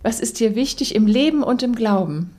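A woman's voice: a little high, expressive, normal speed, dark tone. A woman hosting a podcast, giving a friendly scripted welcome and asking the guest questions. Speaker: podcast host.

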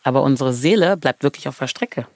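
A woman's voice: very deep voice, animated, fairly quick, a little mellow. A woman from Germany, talking as an interview guest in an earnest, passionate way, stressing points by repeating words.

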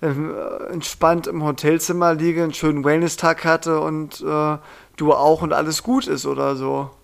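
A young man co-hosts a casual podcast with a slightly high, gravelly voice. He speaks in a relaxed, hesitant way and often restarts his sentences. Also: normal speed. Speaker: podcast co-host. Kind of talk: casual chat.

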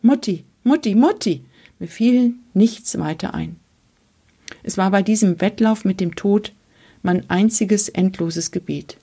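A woman reads a literary memoir aloud in a measured and earnest way. Her voice has a gravelly fry and a husky, breathy edge. Her tone is dark and mellow. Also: mid-range voice. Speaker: reader.

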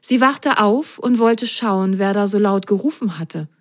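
A woman reading a children's bedtime story aloud in a gentle, unhurried storytelling manner. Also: mid-range voice. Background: faint music.

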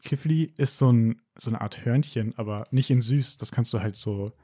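A young man talks in a relaxed, mellow voice with a mid-range pitch. He tells things casually and colloquially, with plenty of loose hedging, in a dry recording. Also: normal speed, slightly rough, no echo. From Germany. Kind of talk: casual chat.

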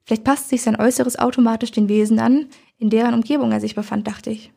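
A woman reading a first-person story aloud in a calm, measured storytelling manner. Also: a little high, creaky, breathy edge. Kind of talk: first-person audiobook narration.

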